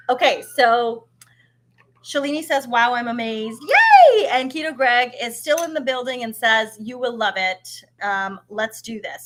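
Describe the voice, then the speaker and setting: A Canadian woman hosts a live cooking stream, chatty and upbeat, full of fillers and restarts. Her voice is fairly high and a bit bright, with a little hiss or hum on the recording.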